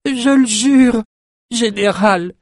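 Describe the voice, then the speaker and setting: A man's voice: a little high, brisk, a little mellow, no room sound, pitched above the performer's own voice, close to an everyday voice. A man voicing a frightened female shepherd who pleads in a raised, strained voice, recorded dry. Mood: pleading.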